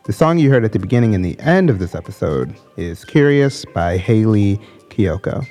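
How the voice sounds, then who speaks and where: A man's voice: on the low side, big pitch swings, normal speed, warm tone, soft background music. A man hosting a podcast, asking casual questions with lots of fillers. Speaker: podcast host. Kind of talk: interview questions.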